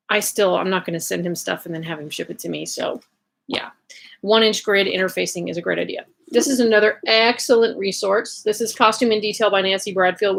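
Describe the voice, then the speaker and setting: A woman with a Southern US accent and a creaky voice hosts a casual livestream, explaining things in a chatty way with rambling asides. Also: medium pitch, fairly bright tone. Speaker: livestream host sharing sewing resources. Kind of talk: casual explanatory chat to camera. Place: indoors at home, in bed in a bedroom.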